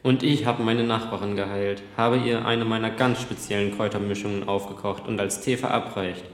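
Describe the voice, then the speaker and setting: A man's voice: lowish voice, fairly even intonation, brisk, echoey room, slight background noise, close to an everyday voice. A man playing a defiant, wry village healer locked in a dungeon in an audio drama.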